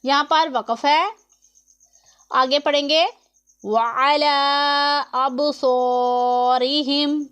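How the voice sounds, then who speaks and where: A woman's voice: high-pitched, fairly bright tone. A woman teaching Quran recitation rules, patiently explaining each letter and how long to hold it, recorded close to the mic. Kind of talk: slow step-by-step tajweed lesson.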